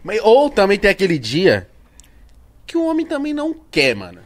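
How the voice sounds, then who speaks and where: Laid-back slangy man, lively pitch. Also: moderate pace. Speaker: guest. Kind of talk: casual chat.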